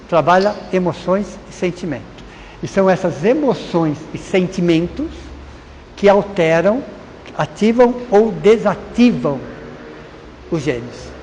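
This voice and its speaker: A Brazilian man lectures informally to a live class at a spiritist course, with a Brazilian Portuguese accent. His voice is high-pitched with a darkish tone, and he's chatty, repeats key words and often quizzes the audience. The hall is reverberant, with faint noise.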